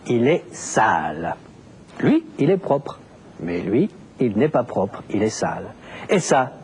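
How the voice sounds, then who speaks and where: A slightly mellow male voice delivers a scripted language lesson, very slowly and with wide pitch movement, articulating every word in a careful, explanatory manner. There's faint noise in the background.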